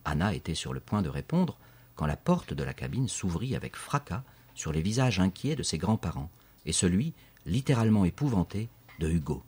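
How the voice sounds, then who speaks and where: With steady, expressive narration at a moderate pace, a man reads a children's story aloud. His husky, breathy voice is very deep, and he paces the scenes with an audiobook veteran's touch.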